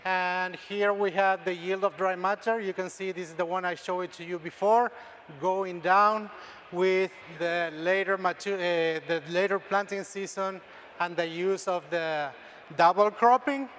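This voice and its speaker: A middle-aged man with an Argentine accent gives a conference lecture in a fairly high voice. He stumbles and repeats words, and he keeps tagging "okay?" onto his points. A faint hiss sits under the recording. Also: steady tone, a little slow, fairly bright tone. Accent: Argentine Spanish. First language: Spanish. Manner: frequent restarts and tag "okay?". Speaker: extension dairy scientist, presenter. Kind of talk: conference talk with slides.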